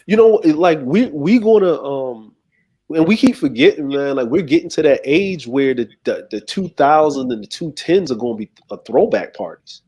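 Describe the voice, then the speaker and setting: A man's voice: a little high, lively intonation, normal speed, warm tone, slightly rough. A man hosting a livestream, chatting casually in a rambling, easygoing way with many fillers. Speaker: livestream host.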